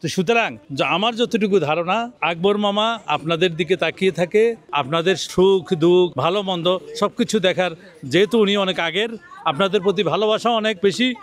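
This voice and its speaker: This middle-aged reporter, whose voice sits high and moves at normal speed, addresses viewers persuasively in a promotional interview shot on location. He holds a handheld mic at an outdoor livestock market under a bamboo shed.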